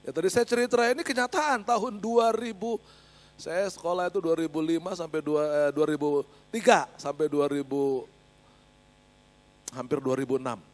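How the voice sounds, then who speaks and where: A man's voice: on the high side, normal speed. A male pastor giving an emphatic sermon with a personal testimony, often turning to address the congregation directly.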